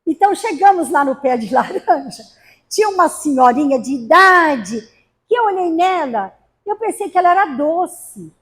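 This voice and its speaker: Brief: high-pitched woman lecturer from Brazil, humorous storyteller. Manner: storytelling with acted quotes and humor. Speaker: spiritist lecturer. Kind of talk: spiritist talk to a gathering. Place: spiritist center hall.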